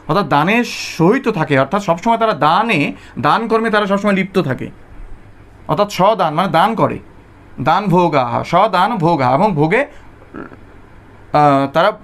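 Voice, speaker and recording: বাংলা টানের এক পুরুষ শিক্ষক, ক্লাস-লেকচারের ঢঙে ধৈর্য ধরে বোঝাচ্ছেন, শব্দ ভেঙে ভেঙে ধীরে বারবার বলছেন।. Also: male voice, sits high, a bit bright. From Bengal, India. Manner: patient, repeats and breaks words apart slowly. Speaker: Sanskrit teacher. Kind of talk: explanatory class lecture.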